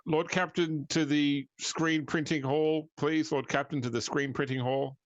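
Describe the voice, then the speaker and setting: A man's voice: fairly high pitch, steady tone, unhurried, dull audio, a little hiss or hum, pitched above the performer's own voice, close to an everyday voice. A man voicing a ship's bosun, formally calling out a summons as an announcement in a tabletop game.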